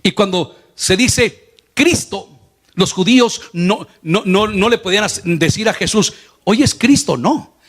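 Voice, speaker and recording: A man's voice: sits high, animated, measured pace. A man preaching a sermon in Spanish as pastor, earnest, his voice lifting when he retells scenes. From Latin America. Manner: earnest preaching, voice rising on quoted lines.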